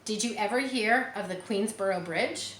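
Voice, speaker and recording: Woman as a wise, bright-voiced storybook spider. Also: medium pitch, normal speed, lightly acted. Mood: frank, consoling. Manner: instructive, kindly matter-of-fact. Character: wise, patient, frank female spider, storybook. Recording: roomy echo, faint background noise.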